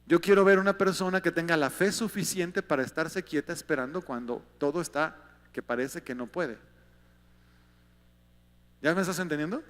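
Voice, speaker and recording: A Mexican man preaching a sermon from the pulpit, his voice pitched high for a man. He speaks conversationally and keeps turning to the congregation with rhetorical questions. Long reverb trails each phrase, as if he is recorded in a large church hall. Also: normal speed, long pauses, a bit bright. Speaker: pastor.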